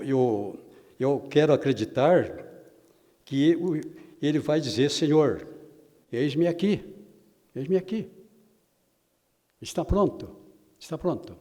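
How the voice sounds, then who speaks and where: A man's voice: fairly high pitch, warm tone. A man teaching a Bible lesson in a preaching style, dramatic, acting out imagined dialogues and repeating phrases for emphasis. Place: church hall. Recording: long hall reverb.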